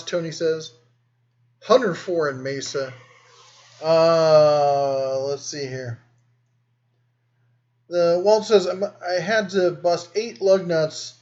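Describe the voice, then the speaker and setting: A man's voice: fairly high pitch, darkish tone, lo-fi sound. A man hosting a casual live stream, reading and answering viewer comments in a rambling, easygoing way. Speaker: host.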